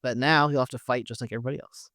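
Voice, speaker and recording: A man's voice: medium pitch, steady tone, very fast, pushed and bright, no echo, clean studio sound. A man co-hosting a podcast, leading a casual recap chat and often restarting his phrases. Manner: leads the discussion, restarts phrases. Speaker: podcast co-host.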